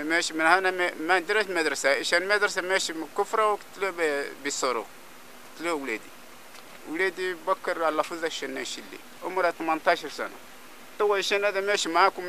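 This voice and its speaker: A middle-aged man with a Libyan Arabic accent speaks in a gravelly, bright voice. His complaints come slow and halting. He was recorded outdoors beside a mud wall on a close camera mic, with faint noise behind him. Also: high-pitched. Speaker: local resident. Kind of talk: street interview. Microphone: handheld camera at close range.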